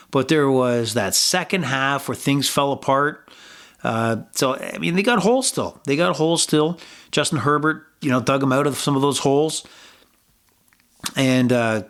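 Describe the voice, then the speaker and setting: A man's voice: medium pitch, fairly bright tone. Male podcast host, loose sports-betting chat, curses freely, meanders between points. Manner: rambling, swears freely, frequent fillers and restarts.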